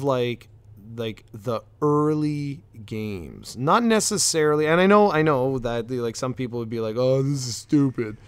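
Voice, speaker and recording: A man co-hosting a casual gaming podcast, talking in an animated way with rambling restarts and sarcastic asides. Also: medium pitch, smooth, no room sound. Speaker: podcast co-host.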